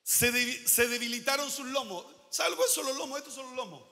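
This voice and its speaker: A pastor preaching a sermon with emphatic declarations and quiet asides. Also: male voice, extremely high pitch, fast talker, gravelly, long reverb tail.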